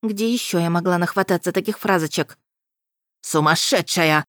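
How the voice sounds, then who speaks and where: Woman, first-person audiobook narration, low voice, dry studio sound. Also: fairly even intonation, normal speed, darkish tone, no room sound.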